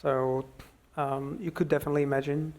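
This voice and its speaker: A man giving an explanatory expert talk, with halting phrasing and emphatic bursts. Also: fairly high pitch, flat delivery, darkish tone. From Slovakia. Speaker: expert speaker.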